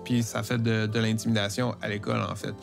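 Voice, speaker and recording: Faint music sits behind this middle-aged man's lowish, gravelly voice, which is brisk and shows little pitch movement. Interviewed as a comic book author, he recounts his own story in a Québécois French accent, stuttering with frequent repeated words and sounds.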